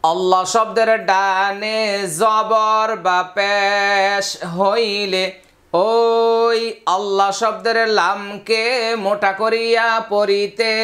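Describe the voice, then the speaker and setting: A man teaching a Quran reading lesson, explaining rules and then chanting the words slowly in a raised voice. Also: on the high side, fairly bright tone. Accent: Bangladeshi Bengali. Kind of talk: step-by-step recitation lesson.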